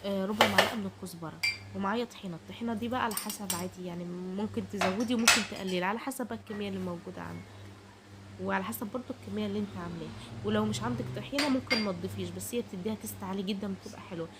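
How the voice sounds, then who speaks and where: There's heavy background noise as a cold-stricken Egyptian home cook rattles through a recipe very quickly. She keeps it casual and chatty, speaking straight to her viewers in a medium-pitched voice.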